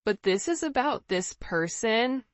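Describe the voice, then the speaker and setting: Speaking a little slowly in an animated, somewhat high voice, a woman hosts a casual spiritual tarot reading aimed straight at the viewer. She chats conversationally and often checks in with phrases like "right?" and "you know," and the recording sounds dry.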